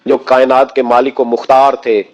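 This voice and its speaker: A man's voice: medium pitch, flat delivery, darkish tone, dull audio. A man preaching an emotional sermon, impassioned, firing rhetorical questions at his listeners.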